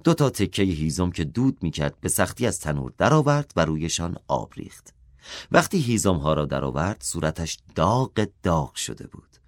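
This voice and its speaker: A man reading a children's story aloud, expressive and dropping softer for the character's inner thoughts. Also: sits low, dry recording, studio quality.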